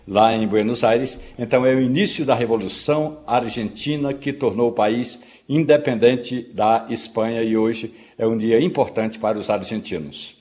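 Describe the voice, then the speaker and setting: A man's voice: medium pitch, normal speed, hardly any pauses, a little mellow. A man giving wry political commentary as a radio correspondent from a studio. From Pernambuco, Brazil.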